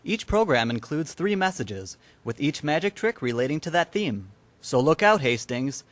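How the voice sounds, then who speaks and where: A man's voice: fairly high pitch, big pitch swings, moderate pace, no echo. A man reading a scripted local news feature as a reporter's voice-over. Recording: voice-over with prominent music behind.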